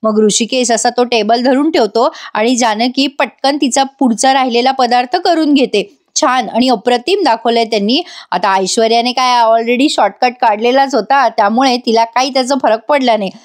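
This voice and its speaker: A woman's voice: on the high side, normal speed, few pauses. A woman giving a chatty voice-over recap of a TV serial, talking straight to her viewers. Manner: chatty, addresses viewers directly. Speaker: TV serial reviewer.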